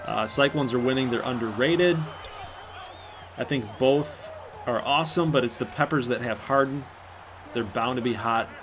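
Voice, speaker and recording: A Michigan man with a local accent and a somewhat nasal voice hosts a live stream of a simulated basketball game as its commentator, chatting and joking with viewers and erupting in excitement at big plays. His pitch is medium and his speed normal, with music underneath.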